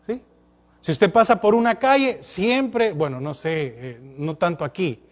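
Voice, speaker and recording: Male pastor, high voice, preaching sermon with lots of rhetorical questions. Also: unhurried. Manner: questioning the congregation, rising and falling emphasis.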